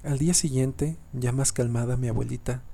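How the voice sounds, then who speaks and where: A man's voice: mid-range voice, fairly even intonation, vocal fry, mellow. A man narrating a horror story, often stumbling and restarting whole sentences. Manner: reads haltingly, often restarting and repeating sentences.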